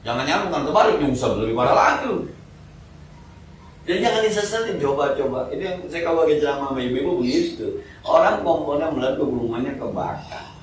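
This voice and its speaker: A man's voice: fairly high pitch, expressive, quick pace, background noise. A middle-aged man with a Betawi Jakarta accent gives a joking, slangy sermon, acting out everyday scenes. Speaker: preacher. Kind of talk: mosque study-circle sermon. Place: mosque hall. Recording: echoey hall, mic from far off.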